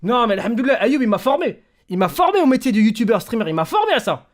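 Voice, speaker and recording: Young guy streamer, animated storyteller, slangy chat. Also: extremely high pitch, quick pace. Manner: animated storyteller, slangy, swings between loud bursts and quiet mumbling. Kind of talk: casual livestream chat.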